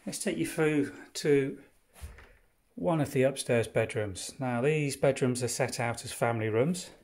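Carrying a handheld camera, a mid-pitched man who owns a holiday cottage guides a walk-through tour inside it. He names the furniture and fittings one by one in an unhurried, descriptive way, pausing as he moves between rooms.

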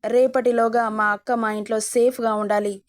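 A woman's voice: on the high side, little pitch movement, normal speed, lightly acted. A woman reading a storybook, voicing a protective young brother who speaks firmly and with determination. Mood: determined. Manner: firm, determined.

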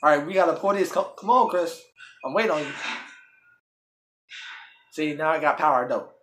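A man giving live gameplay commentary, excitable, swearing a lot and yelling at the game. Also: a little high, normal speed, a little hiss or hum, poor audio. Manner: loud, laughing outbursts. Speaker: gaming channel host. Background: faint game music and sounds.

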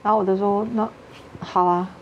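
A woman's voice: medium pitch, little pitch movement, normal speed, dull audio, slight background noise. A woman with a Taiwanese Mandarin accent, a talk show guest earnestly telling a personal story and acting out what others said. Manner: earnest, acts out quoted dialogue.

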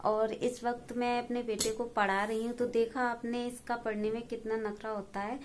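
A woman's voice: fairly high pitch, little pitch movement, moderate pace, slight background noise. A young woman narrating a casual home vlog at night, chatty and matter-of-fact, as she tutors her son. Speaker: vlogger and mother.

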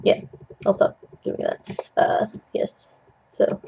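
Speaking slowly with a warm tone, a young adult host of digital art tutorials paints at his desk and rambles chattily, joking at his own expense and punning. He coughs now and then, recorded on a webcam mic at home.

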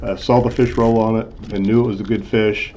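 A man's voice: fairly low pitch, level tone, a little fast, warm tone, a little hiss or hum. A man in his sixties casually narrating his fishing trip, easygoing, with frequent "uh" fillers. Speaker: channel host, accountant. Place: in a car, then voice-over.

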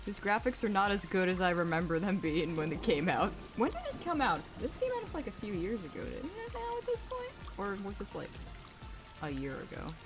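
A woman's voice: medium pitch, very animated, a little fast. A woman streaming a video game, chatting casually, giggling and joking to herself as she plays. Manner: chatty, giggly, self-mocking asides. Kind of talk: casual gameplay commentary. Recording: game music behind the voice. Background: game soundtrack music.

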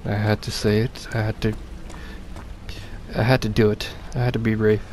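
A man's voice: on the low side, level tone, normal speed, darkish tone, slight background noise. A man commenting casually on a horror game he is playing, talking nervously to himself and his viewers and repeating phrases. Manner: nervous, jittery self-talk, repeating himself and addressing viewers. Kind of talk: casual let's-play commentary.

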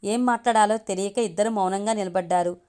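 A young woman tells a love story aloud in her natural voice, at a middling pitch. She carries the narration and every character's lines herself, without changing her voice for any of them. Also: fairly even intonation, brisk, a little mellow, clean tone. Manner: reads all characters' dialogue in her own voice.

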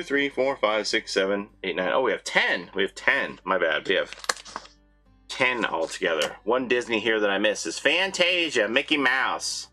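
A man who vlogs about collecting toys, chatting casually as he unboxes, swinging between excited highs and low muttered asides. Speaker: toy collector vlogger.

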